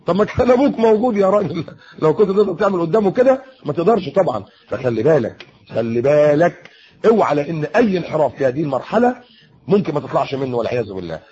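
A man's voice: a little high, sing-song, rapid-fire, warm tone, slightly rough, highs cut off. A man with an Egyptian accent giving an earnest religious talk to teenagers, warning and repeating himself. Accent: Egyptian Arabic. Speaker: preacher.

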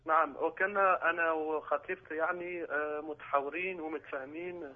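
A man's voice: on the high side, steady tone, fairly quick. A young man calling in from Belgium, hesitant and full of fillers, asking for advice about his engagement. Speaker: caller. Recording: tinny phone line.

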